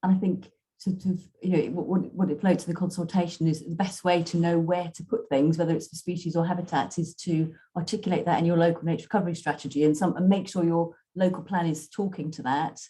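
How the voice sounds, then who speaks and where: A woman's voice: on the low side, steady tone, fast talker, warm tone. A woman chiming in on a webinar panel, hesitant and repeating words.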